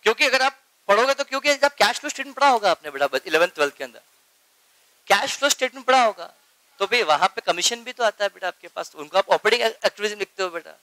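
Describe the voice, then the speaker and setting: A male accounting teacher lecturing a class, with a high-pitched and bright, forceful voice. He drills key terms by repeating them and keeps checking that his students follow. The sound is dry and close, with no room echo. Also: expressive, quick pace. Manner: keeps asking students if they follow, calls them beta; mixes Hindi with English accounting terms.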